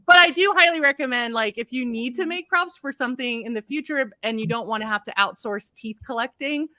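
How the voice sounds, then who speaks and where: A woman's voice: on the high side, fairly quick, pushed and bright, no echo, studio quality. A woman hosting a podcast, chatting casually and enthusiastically with lots of fillers. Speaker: podcast host. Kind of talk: casual interview chat. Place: lives in Los Angeles.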